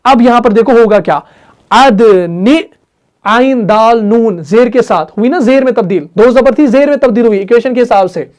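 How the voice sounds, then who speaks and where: A man's voice: very high-pitched, brisk, few pauses, darkish tone. A man with a Pakistani Urdu accent teaching a Quran recitation class, explaining step by step and asking questions that he answers himself.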